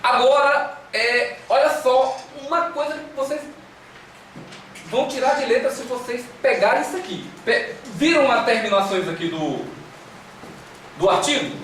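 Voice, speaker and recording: Speaking at normal speed in a very high, slightly bright voice, a Brazilian Portuguese-accented man leads a Greek lesson, repeating syllables for drills and prompting students with questions. The distant microphone picks up classroom echo and a faint hiss.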